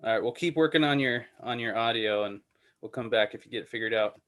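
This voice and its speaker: Running a committee meeting online, this host calls on attendees casually and rambles, leaning on fillers and frequently restarting his sentences. He speaks fast in a mid-range, slightly bright voice.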